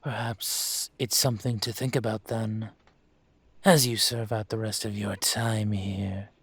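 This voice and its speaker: In an intimate scripted audio drama, a man voices a dragon mafia boss, speaking very slowly in a fairly low, slightly rough voice that stays measured, suave and flat. He's patient, condescending and quietly menacing with a teasing edge, coaxing and controlling, all captured dry with no echo.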